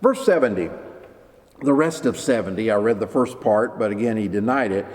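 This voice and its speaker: A man's voice: on the low side, moderate pace. Pastor guy preaching, voice jumps up and down a lot, echoey church hall. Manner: lively preaching, acting out quoted voices. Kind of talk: sermon.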